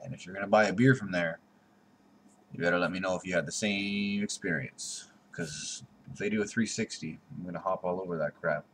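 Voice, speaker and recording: A man's low voice carries a bit of hiss or hum as he reviews a beer, fairly quickly, to a webcam at his desk in a small room at home. He comes across as blunt and sarcastic, his loudness jumping unevenly.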